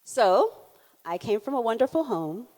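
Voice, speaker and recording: A woman's voice: fairly high pitch, moderate pace. A young adult woman from Canada with a Jamaican accent, giving a conference keynote and drawing in the audience with questions. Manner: animated, engaging the audience with questions and laughs. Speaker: keynote speaker. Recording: hall reverb.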